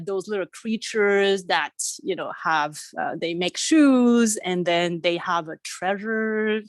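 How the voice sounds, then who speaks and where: A woman music teacher presenting on a video call, talking in a halting way with many fillers and restarts. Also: medium pitch, no echo. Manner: halting, many fillers and restarts, sings snatches of a children's song.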